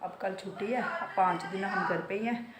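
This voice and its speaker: A woman in her forties vlogging casually from home in a chatty, relaxed way, talking straight to viewers, her throat a bit sore from a cold. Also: medium pitch, normal speed, very noisy. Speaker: beauty salon owner and vlogger. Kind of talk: casual home vlog chat. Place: home, indoors.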